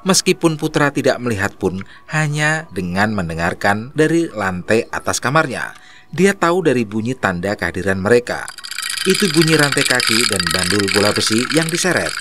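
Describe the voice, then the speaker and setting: Lively low-voiced male horror narrator. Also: moderate pace, heavy background noise.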